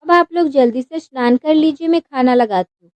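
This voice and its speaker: A woman's voice: sits high, fairly quick, no room sound. A woman reading a family drama story aloud in a plain way, now and then stopping to correct herself. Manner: plain reading with small restarts and self-corrections. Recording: dry, dull lo-fi recording.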